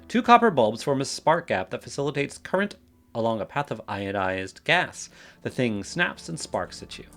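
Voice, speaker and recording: A man's voice: mid-range voice, creaky, a bit bright. A man casually commenting on a game he plays, thinking aloud and reading out game text. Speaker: game streamer. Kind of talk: let's play commentary.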